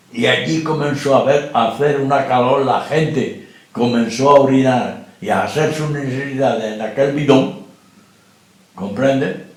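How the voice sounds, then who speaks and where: A very old man from Spain gives blunt documentary testimony in a middle-pitched voice, often stopping to ask whether the listener understands. His voice rings out in a strongly echoing room. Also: darkish tone. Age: older. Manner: plain-spoken, keeps asking if the listener understands. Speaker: interviewee. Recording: very echoey room.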